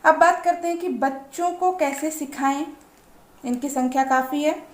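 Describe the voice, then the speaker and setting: A woman teaching parents how to pronounce the letters of an alphabet, explaining patiently and drawing out each letter sound slowly. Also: sits high, roomy sound. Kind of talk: slow explanatory lesson.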